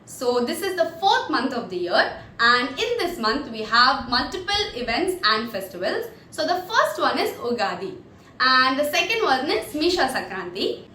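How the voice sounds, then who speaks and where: High, lively woman teaching. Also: reverberant, a little hiss or hum. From India. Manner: repeats each word slowly and clearly for learners. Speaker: English teacher. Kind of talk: spoken English lesson.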